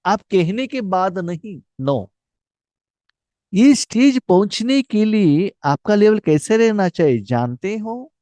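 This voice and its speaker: Slow, lively spiritual teacher, man. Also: fairly high pitch, dry recording. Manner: slow, emphatic, repeats key phrases, mixes in English words. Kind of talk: devotional class talk.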